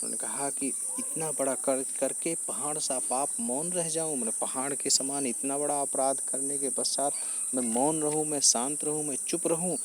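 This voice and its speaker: A man of ordinary pitch, teaching a classic poem. He recites each verse deliberately and then unpacks it in a patient, repetitive way, filling his pauses with small hesitations. Faint background noise sits under his voice. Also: darkish tone. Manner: recites verse lines slowly, then paraphrases them with frequent fillers and repetition. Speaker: teacher explaining Hindi poetry. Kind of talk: explanatory lecture on a poem.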